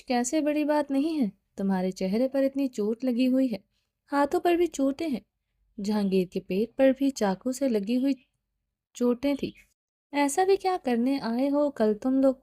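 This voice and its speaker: A stern, demanding young wife, as a woman narrator reads her presses question after question in a storybook reading. Her voice sits high but mellow, with dry, close sound. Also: lively intonation, dry recording. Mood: insistent.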